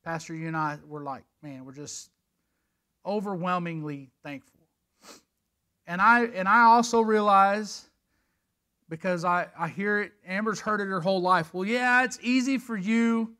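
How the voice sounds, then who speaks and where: A middle-aged man preaches a church lesson in a high, bright voice. He speaks earnestly and emotionally, telling personal stories and often restarting his sentences. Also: a little slow, pauses often. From Texas. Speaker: church leader giving a lesson.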